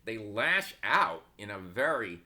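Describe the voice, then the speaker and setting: A man's voice: on the low side, big pitch swings, takes it slowly, bright, forceful tone. A man giving casual stock market commentary, opinionated and sarcastic, wandering into asides.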